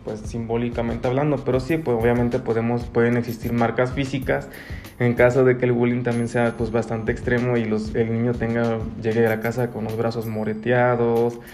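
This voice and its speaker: Man, gravelly voice, earnest advice-giving guest. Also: mid-range voice, level tone, normal speed, darkish tone, faint music behind. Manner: earnest, explanatory, frequent restarts and fillers. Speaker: guest expert on child bullying. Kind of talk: radio-style talk, advising parents.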